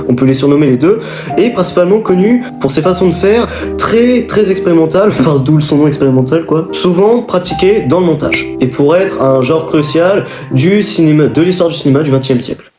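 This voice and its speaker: A man hosts an improvised video about film genres, rambling with fillers and correcting himself along the way. His voice is a little high and mellow, recorded in an echoey room with music in the background.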